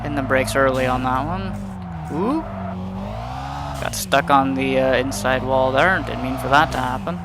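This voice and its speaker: A man's voice: mid-range voice, level tone, brisk, few pauses, heavy background noise. A man giving unscripted commentary on a racing game he is playing, rambling and correcting himself with apologetic asides. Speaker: gaming channel host. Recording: voice over loud game music. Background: racing game music and engine sounds.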